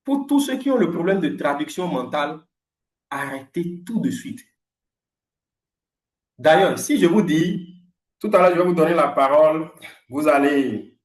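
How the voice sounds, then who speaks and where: Man in his 40s, animated and emphatic language teacher, slightly high voice, roomy echo. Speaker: English teacher. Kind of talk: lively storytelling lesson.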